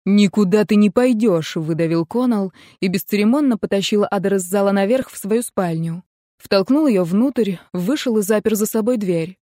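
Woman narrator for an audiobook, mid-pitched, dry close sound. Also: normal speed, mellow, dry recording. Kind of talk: scripted narration.

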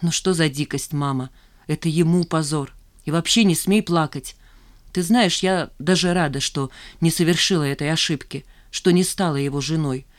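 A woman's voice: sits low, normal speed, natural voice. A woman reader voicing a bitter, determined woman in her thirties who speaks coldly and harshly.

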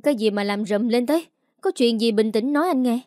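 A woman reading a calm, steady middle-aged father. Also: fairly high pitch, no echo, studio quality, natural voice. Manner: calm, measured.

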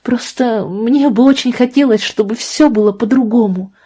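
A woman voicing a gentle, strained middle-aged mother who speaks softly and soothingly, in an audiobook. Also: on the high side, normal speed, husky, voice pushed up. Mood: tender. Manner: soft and soothing.

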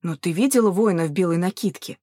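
Female narrator doing eager young male guard, loud and earnest, audiobook. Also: on the low side, fast talker, no room sound, studio quality, lightly acted. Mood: urgent. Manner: loud, exclaiming and pleading.

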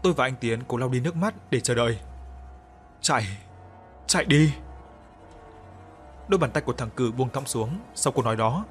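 A man narrating a story in the first person, with a somber, measured reading and acted dialogue. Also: mid-range voice, animated, faint music behind.

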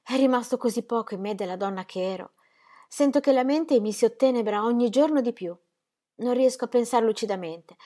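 A woman's voice: fairly high pitch, a little mellow, pitched above the performer's own voice, natural voice. A woman reading the part of an anxious young pastor's wife who pleads and repeats herself breathlessly.

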